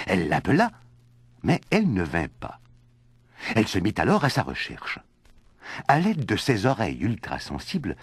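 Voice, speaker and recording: A man's voice: mid-range voice, slightly rough, no echo. A man narrating a children's story in a scripted read-aloud style.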